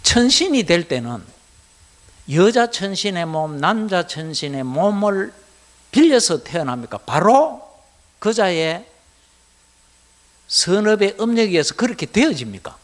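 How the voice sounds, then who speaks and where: A middle-aged man with a Gyeongsang accent giving a Buddhist lecture to lay students, keeping it animated by asking the class rhetorical questions. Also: high-pitched, a little slow, pauses often. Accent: Gyeongsang Korean.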